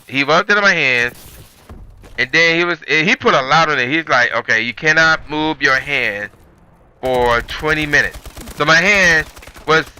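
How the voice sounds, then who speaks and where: A man hosting a channel tells a story in casual, rambling commentary, full of slang and conversational asides. His voice is a little high, bright and forceful, with a clean tone.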